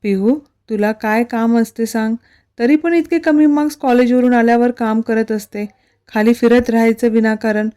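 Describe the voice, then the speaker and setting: A woman's voice: on the high side, steady tone, moderate pace, warm tone, natural voice. A woman voicing a strict, irritable young husband who scolds. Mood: angry.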